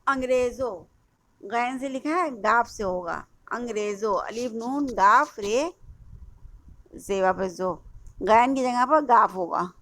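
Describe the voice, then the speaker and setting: Speaking slowly in a fairly bright voice on the high side, an Indian Urdu-accented woman walks her class-eight students through a workbook. As she quizzes them, she repeats their answers and spells words letter by letter.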